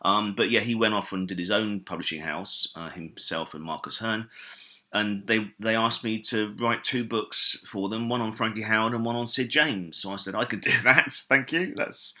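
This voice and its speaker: Deep british guy on a podcast, bright punchy tone, rambly and excited, lots of ums. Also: normal speed. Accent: British English. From Britain. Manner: enthusiastic, rambling with many fillers and restarts. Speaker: comedy historian and author. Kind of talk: casual podcast interview.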